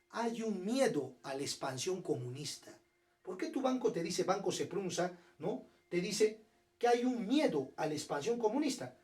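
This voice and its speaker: A man's voice: sits high, far from the mic. A man teaching history, firing questions at the class and answering them himself. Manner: asks and answers his own questions, voicing students. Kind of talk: lively classroom lecture.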